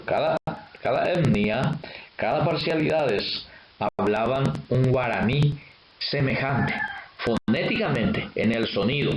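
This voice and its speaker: A Paraguayan man lectures at an unhurried pace, explaining step by step and often pausing on filler sounds. His voice sits at an ordinary pitch and carries a roomy echo, with a faint hiss underneath. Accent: Paraguayan Spanish. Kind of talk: lecture on language history.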